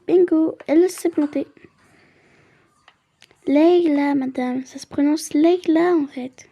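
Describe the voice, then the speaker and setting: A woman's voice: high voice, a little slow, creaky, dark tone. A woman playing a story game, reading the narration aloud and adding chatty asides of her own. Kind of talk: casual playthrough with read-aloud narration.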